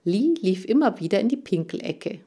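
A woman reading a children's audiobook in a calm, careful storytelling manner. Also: mid-range voice, moderate pace, slightly rough. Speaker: audiobook reader.

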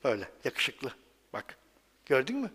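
A man's voice: mid-range voice, huge pitch swings, measured pace, fairly bright tone, slightly rough. A man giving a stage talk in a chatty, joking way, often putting questions to the audience. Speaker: medical professor giving a talk. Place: large hall on stage. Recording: reverberant hall.

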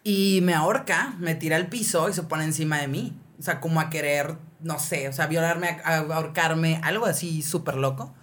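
A woman with a Mexican accent, a podcast co-host, telling a personal story in a slangy, animated way full of fillers. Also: deep voice, moderate pace, hardly any pauses. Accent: Mexican Spanish. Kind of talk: casual chat, personal storytelling.

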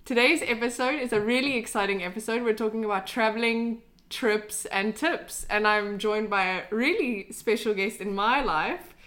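A woman's voice: fairly high pitch, moderate pace, hardly any pauses, a bit bright. Chatty South African woman hosting a podcast. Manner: chatty, upbeat, asks her guest questions. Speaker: podcast host. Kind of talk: casual podcast chat.

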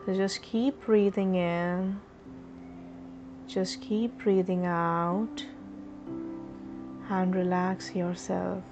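A woman leading a guided chakra meditation in a slow, soothing, instructive way. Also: on the low side, little pitch movement. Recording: slightly dull audio with faint music.

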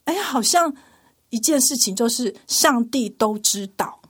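A woman's voice: on the high side, animated, a little slow, a bit bright. A woman, a radio interview guest giving an earnest, emotional personal testimony. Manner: earnest, emotional storytelling with frequent laughs. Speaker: interview guest, TV department manager.

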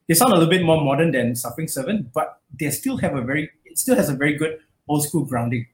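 Speaking fast and expressively in a fairly high voice, a man from Malaysia who plays metal rambles through a casual interview with plenty of fillers and false starts. Faint noise and room echo are audible.

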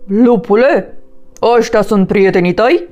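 A woman voicing a big, grumpy male bear in a children's storybook, speaking gruffly and grumbling. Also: medium pitch, a little mellow, muffled recording, soft background music, natural voice.

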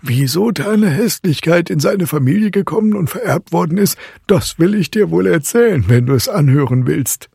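Man playing an old clockmaker godfather, snarling, monotone, high, husky. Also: moderate pace, hardly any pauses, no room sound, studio quality, heavily acted. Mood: coaxing.

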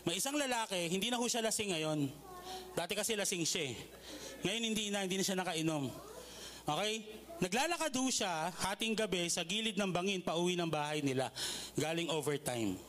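High-voiced male pastor preaching. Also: lively intonation, a little fast, a bit bright. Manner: conversational, with polite asides and frequent "okay?" checks; tells humorous stories. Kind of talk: sermon.

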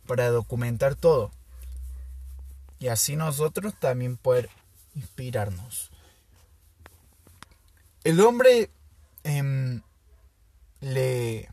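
A man tells a story in a slow, thoughtful way, full of pauses. His voice is somewhat high and a little husky. The recording is dry and close. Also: darkish tone, no echo. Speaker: podcast host. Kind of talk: casual storytelling monologue.

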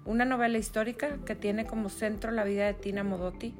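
A woman's voice: mid-range voice, fairly even intonation, fairly quick, music in the background. A woman with a Mexican accent hosting a podcast, upbeat and welcoming. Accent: Mexican Spanish. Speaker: podcast host. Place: store event space with live audience.

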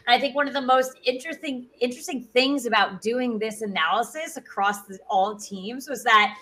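A woman's voice: on the high side, moderate pace, pushed and bright, a little hiss or hum. A woman hosting a sports show, leading a ranked countdown in informal, emphatic conversation. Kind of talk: casual sports countdown chat, leading the rankings.

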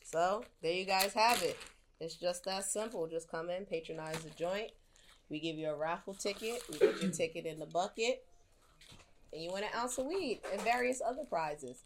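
A woman's voice: fairly low pitch, moderate pace, noisy background. A woman working as a budtender who calls a raffle winner, playful and teasing, hyping her up. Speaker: dispensary budtender announcing a prize. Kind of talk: phone call announcing a raffle winner.

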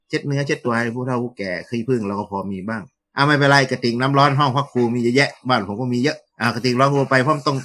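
A male schoolteacher telling stories in a casual interview, jokey and lively, slipping into acted quotes. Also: medium pitch.

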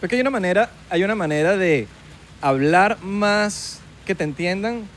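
A man chats on a podcast, joking and switching between Spanish and English. His voice sits somewhat high for a man. A faint hum of background noise runs underneath. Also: expressive, normal speed. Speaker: podcast co-host. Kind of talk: casual chat.

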